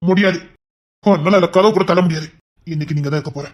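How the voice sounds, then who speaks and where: A man voicing a possessive, lovesick young husband in an audio romance drama, talking in an insistent, commanding way that turns low and tender. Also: fast talker, natural voice.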